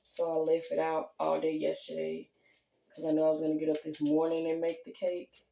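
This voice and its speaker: A woman's voice: deep voice, completely flat delivery, a little fast, vocal fry, dark tone, reverberant. A woman, chatting casually as she demonstrates baking in her small home kitchen, rambling with lots of fillers. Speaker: home baker.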